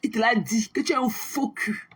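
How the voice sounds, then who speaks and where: A young woman on a social media livestream rants at her critics in a scornful, taunting monologue to viewers, slipping in English phrases. Her voice is a little high and husky, with fairly even intonation at a normal speed.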